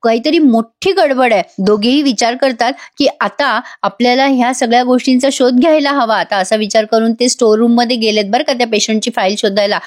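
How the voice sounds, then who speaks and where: A woman's voice: a little high, fairly even intonation, fairly quick, hardly any pauses. A woman narrating a casual episode recap, chatting directly with her viewers. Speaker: serial review narrator.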